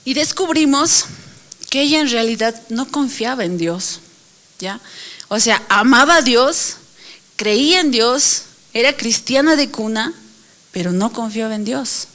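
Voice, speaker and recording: A woman's voice: on the high side, unhurried. Young woman telling a church testimony. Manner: lively storytelling with laughs and acted-out quotes. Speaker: church speaker and mentor. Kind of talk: personal testimony to a congregation.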